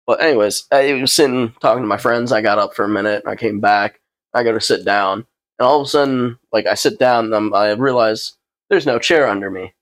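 A man's voice: on the low side, brisk, no echo. A young man co-hosting a podcast, telling stories in a loose, casual way and swearing freely. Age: young adult. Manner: loose, profane storytelling. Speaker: podcast co-host. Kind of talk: casual chat.

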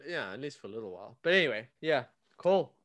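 A man's voice: mid-range voice, very animated, fast talker, a crowd in the background. A man co-hosting a podcast in casual chat, blunt and swearing, repeating words for emphasis. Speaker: podcast co-host.

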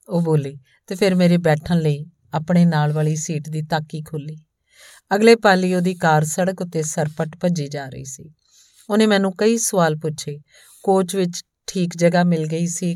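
A woman narrating a story in a calm, even storytelling manner, reading both the man telling it and the woman he meets. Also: deep voice, no echo, clean studio sound. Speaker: audiobook narrator.

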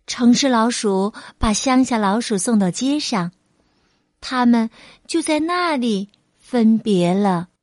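A woman reading a children's story aloud in a gentle, unhurried way. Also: on the high side, lively intonation, dry recording, studio quality.

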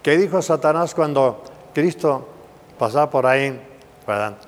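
A man's voice: medium pitch, unhurried. A man preaching a sermon with impassioned, repetitive emphasis. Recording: long hall reverb.

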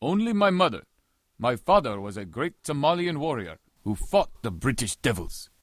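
A proud pirate, played by a man, stern and scornful. He speaks in stiff, formal English with a voice that moves a lot in pitch. The audio drama recording is dry and close. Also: sing-song, moderate pace, no echo. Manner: stiff, formal, non-native English phrasing.

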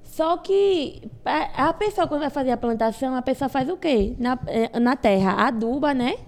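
A woman's voice: high-pitched, normal speed. A woman telling a dramatic story in casual chat, repeating herself for effect. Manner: animated, dramatic storytelling with repetitions.

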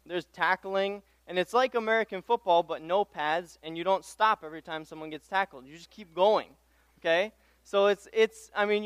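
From the pulpit, a young man from Tanzania preaches as a guest, serving as a pastoral intern. His high voice carries a fairly bright, clean tone on a dry recording. He speaks informally and conversationally, poking fun at himself and often saying things twice.

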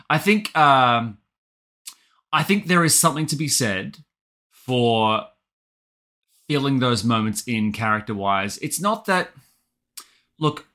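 An Australian audio drama writer, appearing as an interview guest, chats casually and effusively about his writing in colloquial terms. His voice sits at medium pitch with a sharp tone.

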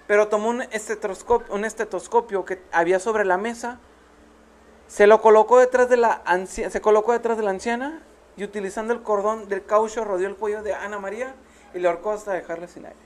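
A woman's voice: mid-range voice, fairly even intonation, brisk, darkish tone. A woman with a Mexican accent, co-hosting a true crime podcast, reading the case aloud and breaking off for playful asides. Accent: Mexican Spanish. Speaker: podcast co-host.

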